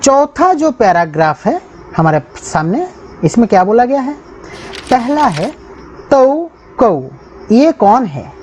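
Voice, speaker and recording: A woman's voice: a little high, very animated, slow, darkish tone, slight background noise. A woman teacher explaining a textbook lesson, reading each phrase aloud and then translating it word by word.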